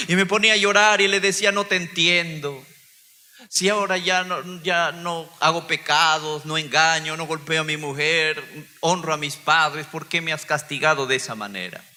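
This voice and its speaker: A man's voice: fairly high pitch, bright, forceful tone, big-room sound. A man, a pastor, giving an impassioned sermon testimony, his voice swelling and dropping.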